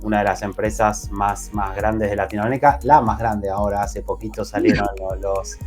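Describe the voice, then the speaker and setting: Halting Buenos Aires man, guest. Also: lowish voice, level tone, music in the background. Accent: Buenos Aires Spanish. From Argentina. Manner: halting, many restarts and "eh" fillers. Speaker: podcast guest. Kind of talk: casual interview chat.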